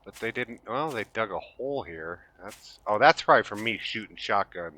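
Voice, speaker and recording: A man's voice: fairly low pitch, animated, moderate pace. A man with a lisp from missing teeth gives casual, sweary, self-deprecating commentary as he plays a video game. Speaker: gamer hosting a gameplay video. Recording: gunfire and game noise behind voice. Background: loud video game gunfire.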